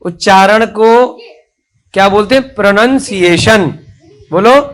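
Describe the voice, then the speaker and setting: A man's voice: high voice, slow pace. A male teacher giving a classroom spelling lesson, who spells words letter by letter and has the children repeat after him.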